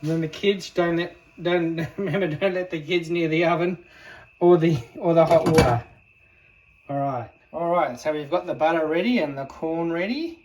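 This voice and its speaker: A man, casually talking himself through cooking and gardening in a home vlog, relaxed and full of fillers. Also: a little high, normal speed, a little hiss or hum. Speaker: vlogger, home gardener and cook. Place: home kitchen and vegetable garden.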